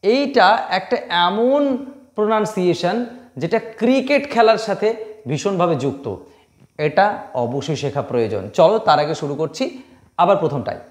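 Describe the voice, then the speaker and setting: A man's voice: high voice, animated, reverberant. A man from Bengal teaching English pronunciation, repeating each word emphatically to drill it. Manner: emphatic, repeats words slowly to drill them. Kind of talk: pronunciation lesson.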